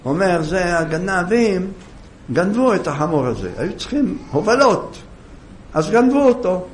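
A man telling a moral story as a sermon, in an animated storytelling manner with a gravelly voice. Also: sits high, slight background noise.

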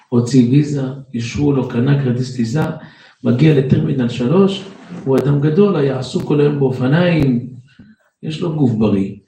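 A man's voice: mid-range voice, gravelly, mellow. A man telling a religious moral tale animatedly in short, vivid phrases, in a roomy echo from a distant mic. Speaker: religious storyteller. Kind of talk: lively spoken moral tale.

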